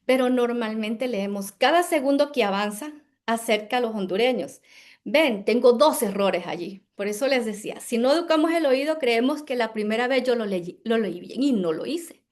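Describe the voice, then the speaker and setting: Higher-voiced female diction instructor; emphatic, careful teaching delivery. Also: expressive, darkish tone. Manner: emphatic, demonstrates words slowly and carefully. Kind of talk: teaching a workshop on pronunciation.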